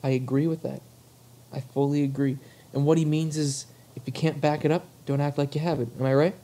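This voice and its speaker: A man's voice: a little high, flat delivery, a little fast, warm tone. A young man hosting a casual comedic podcast, joking in mock-formal phrases and swearing casually. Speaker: podcast host.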